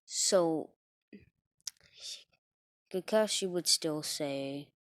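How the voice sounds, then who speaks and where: A woman rambling through an improvised fan story, halting and correcting herself with fillers and apologies. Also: sits low, no echo.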